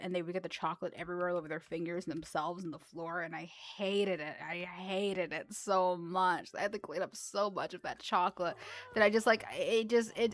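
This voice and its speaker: A young woman streamer chatting casually while playing a game, rambling with frequent restarts and laughs. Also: on the low side. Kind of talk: casual livestream chat while gaming.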